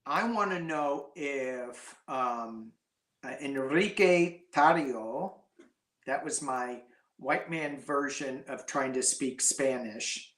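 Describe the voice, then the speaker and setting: Slow-talking man in an echoey room. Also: mid-range voice, a bit bright. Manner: slow, joking, self-mocking. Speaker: tarot reader guest. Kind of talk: casual chat reading tarot cards.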